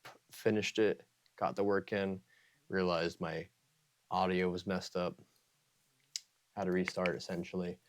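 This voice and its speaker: A man who hosts an ASMR channel, talking softly with a strained throat and rambling, often correcting himself and slipping into whispers. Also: low-pitched, little pitch movement, a little slow, long pauses. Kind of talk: soft-spoken ASMR outro chat.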